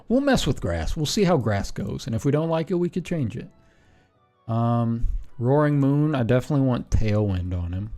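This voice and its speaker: A man streaming a game, thinking aloud in a relaxed way with frequent ums and self-corrections as he builds a team. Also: mid-range voice. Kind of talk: casual stream commentary while building a team.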